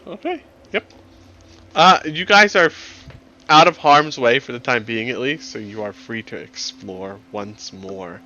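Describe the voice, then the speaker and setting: A man's voice: mid-range voice, a little slow, sharp tone, dull audio. A man running a tabletop game as game master, talking in a rambling, chatty way and laughing often.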